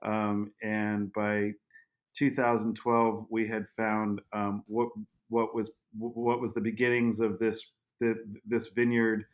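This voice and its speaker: A man speaking as a guest on a podcast, telling a story in halting speech with many restarts. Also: on the low side, flat delivery. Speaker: guest, vineyard owner. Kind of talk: casual interview.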